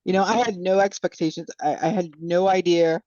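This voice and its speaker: Mellow-voiced woman, hesitant book chat. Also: on the low side, fairly quick, dry recording, lo-fi sound. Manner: hesitant, lots of fillers and "you know". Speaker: podcast panelist. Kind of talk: casual book discussion.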